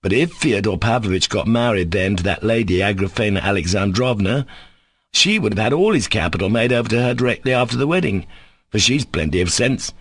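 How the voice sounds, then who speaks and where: A man's voice: on the low side, expressive, fairly quick, husky, no room sound. A man reading an audiobook, voicing a sickly, resentful male servant who talks coolly and sarcastically. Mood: insolent. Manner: cool, defiant, sarcastic.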